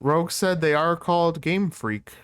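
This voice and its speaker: A man's voice: a little high, moderate pace, a bit bright, clean tone, no room sound, studio quality. A man co-hosting a podcast in playful casual chat, laughing often. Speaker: podcast co-host.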